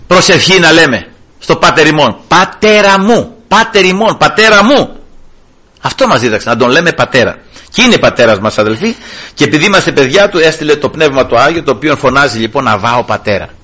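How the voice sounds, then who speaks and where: A middle-aged man preaching a sermon, firing rhetorical questions and swinging between loud emphatic lines and hushed asides. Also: on the high side, husky.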